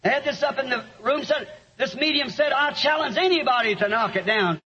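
A preacher with a very high, bright voice, telling stories that climb into shouted lines. The sermon was recorded lo-fi, so the sound is muffled and dull. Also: male voice, normal speed, slightly rough. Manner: storytelling, rising to shouts. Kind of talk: sermon with an interpreter.

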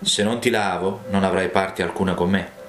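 A man reading the words of Jesus as a calm, earnest adult male teacher. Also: low voice, normal speed. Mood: gentle. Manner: solemn, earnest. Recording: roomy, with faint music.

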